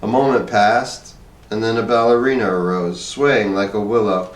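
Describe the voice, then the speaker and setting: A man's voice: on the low side, fairly even intonation, normal speed. A man reading a short story aloud as scripted narration. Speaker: story reader. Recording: echoey room, distant microphone.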